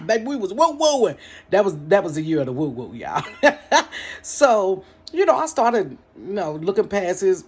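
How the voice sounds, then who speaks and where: Speaking from her bedroom, a Cincinnati woman laughs her way through a casual story told directly to her viewers. Her husky, low-pitched voice stays animated as she vlogs.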